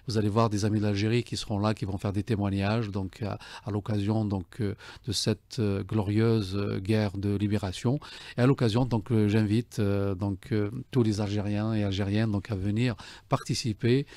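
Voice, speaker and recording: A man. His voice sits a little low, and the dry, close desk mic leaves no room sound. He speaks formally and with enthusiasm, padding his sentences with "euh" and "donc". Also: flat delivery, moderate pace, dark tone, dry recording. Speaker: guest, book fair commissioner. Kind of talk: radio interview. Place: radio studio. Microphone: studio desk mic.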